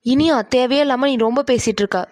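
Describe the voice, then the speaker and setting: A sensible young woman, voiced by a woman in a cartoon, reproaching a friend with calm reasoning. Her voice is high and quick, and the sound is dry and close. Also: dry recording, natural voice. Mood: reproachful. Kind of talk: cartoon voice acting.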